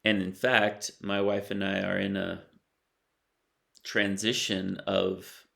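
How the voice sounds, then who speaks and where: A middle-aged man speaks in an unhurried, reflective way with a deep voice. His gravelly tone stays flat and even. He leaves long pauses between phrases. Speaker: spiritual teacher. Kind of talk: slow reflective talk.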